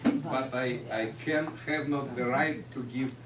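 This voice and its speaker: A man's voice: medium pitch, a little slow. Ukrainian-accented man lecturing in a roomy hall. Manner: non-native phrasing, patient explaining. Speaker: guest lecturer. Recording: echoey room, far mic, noisy.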